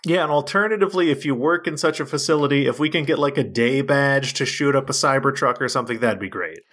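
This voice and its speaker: Male co-host, deadpan humor, bright forceful tone. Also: mid-range voice, quick pace. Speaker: podcast co-host. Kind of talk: casual comedic chat.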